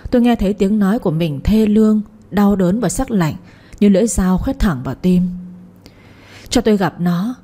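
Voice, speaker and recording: Sex: woman. Role: storyteller. Style: emotional first-person audiobook narration. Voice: mellow, husky. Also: mid-range voice, lively intonation, brisk. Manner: heartfelt, sorrowful delivery.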